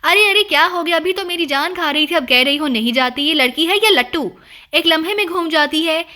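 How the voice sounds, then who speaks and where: A woman putting on a hot-tempered old mother from an audiobook drama, scolding in a high, raised voice. She sounds bright and sharp and flares up fast. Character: older mother, fiery and easily angered.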